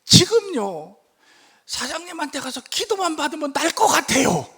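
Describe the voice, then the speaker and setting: A man quoting a middle-aged male gang boss with a hurt back, pleading loudly and urgently. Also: very high voice, sing-song, moderate pace, vocal fry, big-room sound, pitched above the performer's own voice, exaggerated voice.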